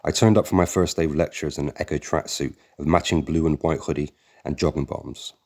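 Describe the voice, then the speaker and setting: A man with an extremely deep, low voice narrates an audiobook of a first-person memoir. He reads at a steady, measured pace, as though recounting his own life.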